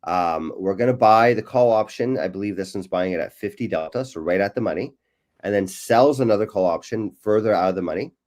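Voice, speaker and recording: A man with a very low voice explains trading strategies in a relaxed, conversational way. He keeps checking in with tag questions and sprinkles in fillers as he goes. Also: fairly quick. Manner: explanatory, many fillers and "right?" tags. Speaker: guest explaining trading algorithms. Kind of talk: casual interview chat.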